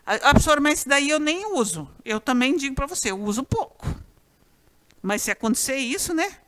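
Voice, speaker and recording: A woman with a Brazilian accent teaching a grammar class, lively and chatty, often turning to talk straight to her students. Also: high voice, fairly quick. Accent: Brazilian Portuguese. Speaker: Portuguese teacher.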